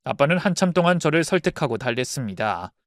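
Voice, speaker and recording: A woman calmly narrating her own true family story as a scripted read. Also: deep voice, fast talker, no room sound, clean studio sound.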